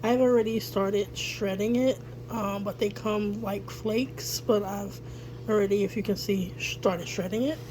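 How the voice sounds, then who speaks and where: A woman with a scratchy, mid-range voice and fairly even intonation chats at a measured pace through a home cooking vlog, full of ums and throat clearing. A family vlogger, she films on a phone in her kitchen, later placing it on a mount, while a dryer runs.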